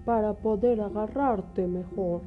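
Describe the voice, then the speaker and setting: Lady doing slow sly wolf voice, hungry fairytale wolf, music behind it. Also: medium pitch, narrow, tinny audio, close to an everyday voice. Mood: menacing. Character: sly, hungry male wolf wooing his prey. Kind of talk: storybook character acting.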